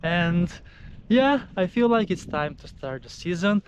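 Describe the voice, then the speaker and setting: A man narrating a casual vlog outdoors, speaking haltingly in short broken pieces. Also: high-pitched, lively intonation, a little hiss or hum. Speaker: vlogger. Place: outdoors at a frozen lake.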